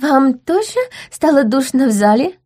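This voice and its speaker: Woman doing a shrill chirpy young duchess. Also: lively intonation, moderate pace, dark tone.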